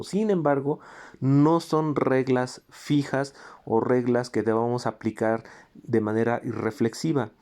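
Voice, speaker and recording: A man's voice: medium pitch, warm tone. A man teaching a music theory lesson. He walks through examples and sings short rhythm syllables to demonstrate them. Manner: pointing to examples on a board. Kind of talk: recorded lecture.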